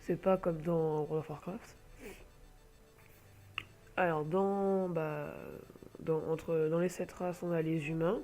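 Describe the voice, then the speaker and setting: This gamer, who has a cold, speaks slowly in a level, somewhat high and slightly mellow voice, leaving long pauses while faint music plays behind. He rambles casually and hesitantly over gameplay of an online game, using many filler sounds, through a home computer mic.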